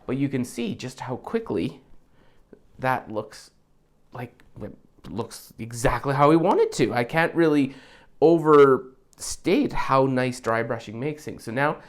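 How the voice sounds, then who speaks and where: A man's voice: mid-range voice, lively intonation, unhurried. A man who makes props, talking through a painting tutorial in a chatty, rambling way with casual asides. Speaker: prop maker.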